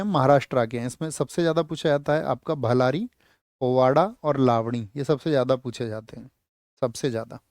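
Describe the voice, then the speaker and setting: A man's voice: fairly high pitch, a little mellow, no room sound, clean studio sound. A man teaching an exam-prep lecture who quizzes his students, answers his own questions and repeats key words so they stick.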